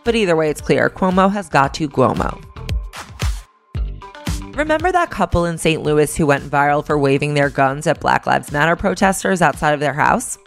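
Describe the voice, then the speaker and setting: A woman's voice: sits low, big pitch swings, fairly quick, gravelly, few pauses, faint music behind. A woman hosting a news podcast, reading scripted briefings and sponsor copy in an informal, wry manner.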